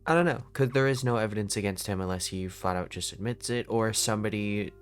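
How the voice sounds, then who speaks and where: A man playing a weary, deep-voiced leader. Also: fast talker, clear, resonant tone, soft background music, close to an everyday voice. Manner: rambling, reasoning aloud, frequent restarts. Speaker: roleplay lead. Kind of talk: casual voice-acted roleplay.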